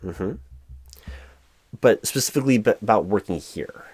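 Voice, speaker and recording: In a one-sided spoken roleplay, a man plays a flustered, hapless corporate recruiting manager conducting a job interview, hesitating and stammering in an awkwardly polite, monotonous way. His voice is lowish and husky at a moderate pace, and the mood is politely awkward.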